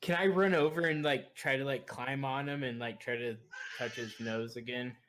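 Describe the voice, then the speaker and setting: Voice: mid-range voice, moderate pace, fairly bright tone. A player chatting casually during a tabletop game, phrasing things hesitantly and piece by piece.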